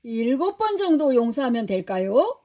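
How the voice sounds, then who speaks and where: A woman's voice: on the high side, big pitch swings, normal speed, warm tone. A woman voicing a curious, eager young male disciple who asks wide-eyed questions.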